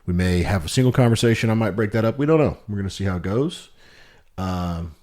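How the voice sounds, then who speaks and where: Deep-voiced man hosting a casual podcast. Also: expressive, a little fast, darkish tone. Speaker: host.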